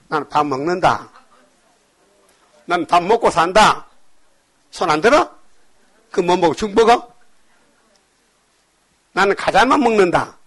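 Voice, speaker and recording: A male pastor preaching a sermon, emphatic, firing rhetorical questions at the congregation and swinging between loud exhortation and quiet asides. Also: high voice.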